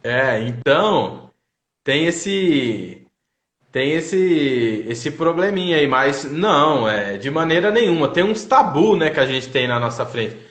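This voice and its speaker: A native Portuguese speaker with a Brazilian accent hosts a language-learning livestream from indoors over an online live video call, chatting casually and telling anecdotes colloquially. He speaks slowly in a voice on the high side, a bit bright, with lively intonation, and the sound is reverberant.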